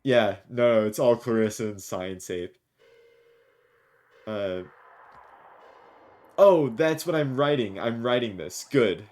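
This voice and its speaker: A man's voice: medium pitch, slow, long pauses, a little mellow. A man streaming a video game, chatting jokily and reading the dialogue aloud. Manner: jokey, rambling, reads lines with small voices.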